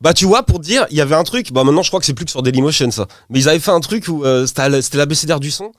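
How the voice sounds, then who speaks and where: Slangy, animated man with a cold. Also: fairly high pitch, racing, no room sound, studio quality. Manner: animated, rambling, laughs often, slangy. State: has a cold. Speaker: rapper, interview guest. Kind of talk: casual interview chat.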